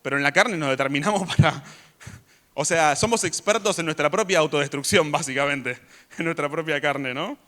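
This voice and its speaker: A man preaching a sermon in church, chatty in tone and rising to loud emphasis when he reads scripture. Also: fairly high pitch, normal speed.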